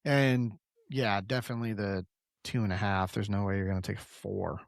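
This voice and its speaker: A man's voice: fairly low pitch, little pitch movement, normal speed, gravelly, no room sound, clean studio sound. A young man co-hosting a sports podcast, talking eagerly and repeating himself. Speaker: podcast co-host. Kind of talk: casual sports chat.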